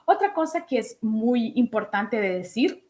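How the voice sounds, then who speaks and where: A woman in her thirties giving a casual online English lesson in a lively, chatty way, often asking her listeners questions. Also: fairly high pitch, unhurried. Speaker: English teacher.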